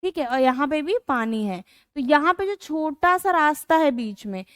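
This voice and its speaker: Indian woman tutor, high-pitched, dry recording, chatty code-mixed vocab lesson. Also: lively intonation, moderate pace, no room sound. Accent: Indian English. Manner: Hindi-English code-mixing, addresses students as beta; rhetorical questions with "है ना?" tags. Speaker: English vocabulary teacher. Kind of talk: online exam-prep class.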